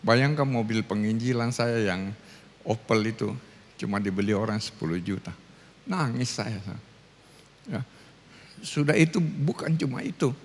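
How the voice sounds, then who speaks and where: A male pastor shares a personal testimony from the pulpit of a large venue. His voice is husky with a gravelly edge, and he tells the story animatedly, slipping into the voices of others. The sound carries a long reverberant tail from the hall. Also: medium pitch, animated, unhurried, long pauses. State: ill with cancer. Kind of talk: testimony sermon.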